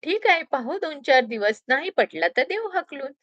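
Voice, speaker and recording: A woman's voice: sits high, big pitch swings, normal speed, fairly bright tone, muffled recording, pitched above the performer's own voice. A woman voicing a middle-aged shop owner who asks short, businesslike questions. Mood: curt.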